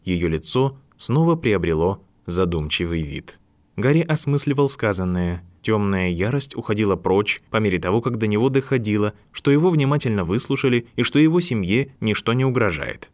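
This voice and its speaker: A man narrating a fantasy audiobook in an expressive, dramatic reading. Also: fairly low pitch, moderate pace.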